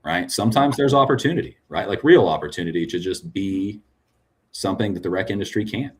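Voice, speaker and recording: As a podcast guest from the cannabis business, a man talks frankly and conversationally, tagging his points with "right?". His voice is low-pitched and brisk, and a little hiss or hum is audible.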